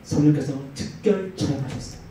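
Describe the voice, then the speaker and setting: A man's voice: a little fast, slight background noise. A man preaching a youth sermon in a church, telling stories and acting out the quotes. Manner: animated storytelling with acted-out quotes and swinging pitch. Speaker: youth pastor. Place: church hall. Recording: very echoey hall, mic far off.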